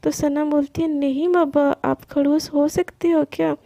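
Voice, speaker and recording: A young woman tells a story in a chatty, casual way and voices the characters' lines herself. Her voice sits high and steady, with a mellow, gravelly texture. The recording is dry and close. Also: unhurried, no room sound. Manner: narrates in a chatty way, voicing both girls' lines. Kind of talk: casual storytelling narration with acted dialogue.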